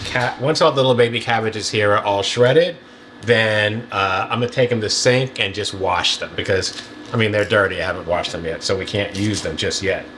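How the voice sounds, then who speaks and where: A middle-aged man co-hosts a cooking show, casually walking through his meal prep in a home kitchen. He's easygoing and uses lots of fillers, and his pitch jumps up when he gets excited. He speaks at normal speed over a little hiss or hum.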